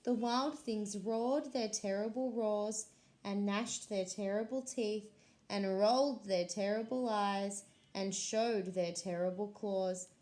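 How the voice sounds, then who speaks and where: A woman reads a picture book aloud to young children in the manner of a school librarian. She takes an unhurried pace and leans into the words expressively. Her voice sits in a natural middle register. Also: mid-range voice. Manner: slow, expressive storybook reading.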